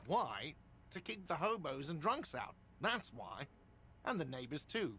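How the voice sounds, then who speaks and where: A grumpy, sarcastic hostel manager. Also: male voice, fairly high pitch, big pitch swings, unhurried, fairly bright tone, a little hiss or hum, exaggerated voice. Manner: curt, sarcastic, scolding.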